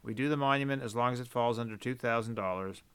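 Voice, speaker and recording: A man's voice: medium pitch, fast talker, a bit bright, smooth, close to an everyday voice. A man reading a pompous small-town mayor. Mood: officious. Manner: formal, long-winded officialese.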